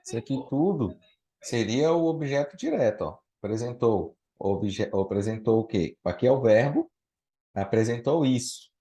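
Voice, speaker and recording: A man's voice: mid-range voice, lively intonation, moderate pace, warm tone. A man from Brazil tutoring a student in grammar, explaining step by step and checking with questions. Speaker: teacher.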